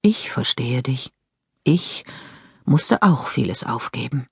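A woman voicing a calm, caring young male ghost in an audiobook, speaking softly. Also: low voice, unhurried, slightly rough, dry recording, clean studio sound, full character voice. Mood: gentle. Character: gentle young male ghost, protective brother.

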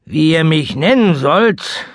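A man voicing a coarse, domineering old sea captain in a rough, barking sailor's manner for an audiobook. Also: fairly high pitch, animated, takes it slowly, no echo, clean studio sound, pitched above the performer's own voice. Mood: gruff.

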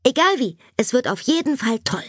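A woman's voice: high-pitched, moderate pace, breathy edge, no room sound, studio quality, pitched above the performer's own voice, exaggerated voice. A woman reading an audiobook, voicing an eager, bossy young schoolgirl full of ideas. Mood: excited. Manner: excited, bossy. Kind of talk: audiobook character voice.

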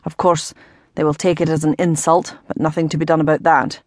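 A woman reading an audiobook voices an irritable, gruff nobleman who barks his words impatiently. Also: low voice, little pitch movement, a little fast, darkish tone, no room sound, studio quality, pitched below the performer's own voice, close to an everyday voice. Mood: brusque. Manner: barking, impatient.

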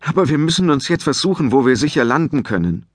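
A man's voice: mid-range voice, lively intonation, fast talker, no room sound, studio quality, natural voice. A man voicing an earnest young giant boy in a children's audiobook, calling out eagerly and urgently.

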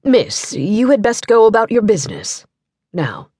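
A woman voicing a commanding young gentleman who speaks directly and with a quiet, cool menace. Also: medium pitch, sing-song, a little slow, slightly rough, no echo, studio quality.

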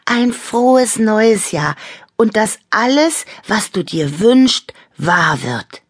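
A woman's voice: sits low, lively intonation, slow, a bit bright, husky, dry recording, studio quality, full character voice. A woman voicing a jealous, pouting little toy girl with a whiny, indignant manner, in a storybook reading. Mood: sweet.

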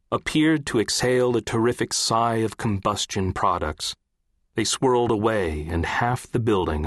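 Guy narrating a novel audiobook, calm measured read, fairly low voice, dry booth sound. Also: dry recording. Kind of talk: scripted literary narration.

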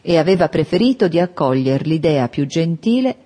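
A woman with a low, deep voice reads a classic novel aloud as an audiobook narrator. Her tone is mellow and warm, and her delivery is measured and expressive, with steady literary phrasing.

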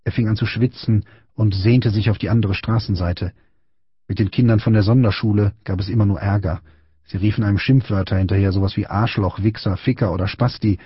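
A man reads his own fiction in an even, storytelling manner. His voice sits low with a husky edge. The recording is dry and slightly dull. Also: no echo. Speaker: author reading his own book. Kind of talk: audiobook narration.

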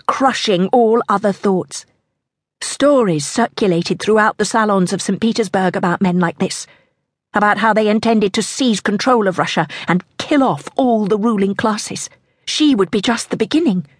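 A woman narrating an audiobook in a tense, measured storytelling manner. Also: mid-range voice, no room sound, clean studio sound.

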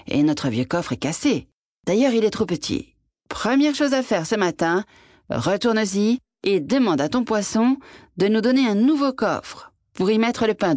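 Brief: woman doing a greedy old wife, high, sharp and bossy. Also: no room sound, studio quality. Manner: shrill and demanding.

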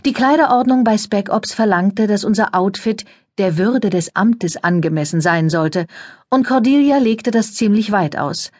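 A woman reading an audiobook in calm, measured first-person narration. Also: mid-range voice, dry recording, studio quality.

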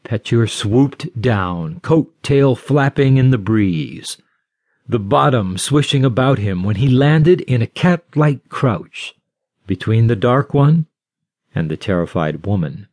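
Slow, measured male audiobook narrator. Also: mid-range voice, animated, darkish tone, dry recording, clean studio sound. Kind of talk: scripted narration.

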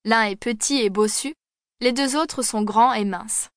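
Woman reading a classic story, measured. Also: a little high, no echo. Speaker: audiobook narrator. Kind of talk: audiobook narration of a classic story. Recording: dry, close studio sound.

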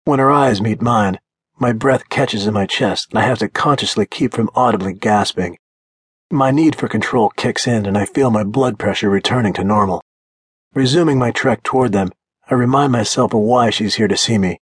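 A man's voice: on the low side, moderate pace, slightly rough, no echo. A man narrating a first-person audiobook in a blunt, confident manner.

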